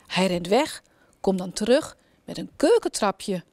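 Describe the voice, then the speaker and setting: Storyteller: woman, gentle and expressive, close dry mic. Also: mid-range voice, a little slow, no room sound. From Netherlands. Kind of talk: children's story reading.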